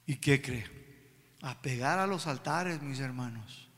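A man's voice: mid-range voice, unhurried, a bit bright, long reverb tail. A man preaching a sermon in an emphatic style, repeatedly calling out to his brothers in the congregation.

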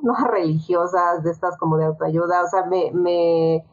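Casting note: woman guest with a lowish voice, halting and thoughtful delivery, dull lo-fi recording. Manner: thoughtful, halting, many fillers. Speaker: podcast guest. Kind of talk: casual chat. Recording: dull lo-fi sound.

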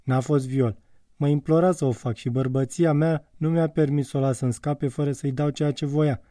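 A man's voice: a little high, steady tone, mellow, no echo, studio quality, natural voice. A man reading an audiobook, voicing a crude, threatening young man in a snarling tone. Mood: defensive. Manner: snarling, menacing.

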